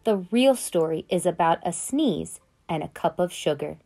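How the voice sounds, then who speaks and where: A woman voicing a sly, smooth-talking male wolf who tells his side of the story in a chatty, conspiratorial way, read aloud from a children's picture book. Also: on the low side, lively intonation, normal speed, mellow, faint music behind.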